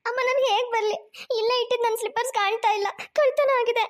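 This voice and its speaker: A woman voicing a shrill, scolding young bride in a cartoon. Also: fairly even intonation, quick pace. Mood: distressed.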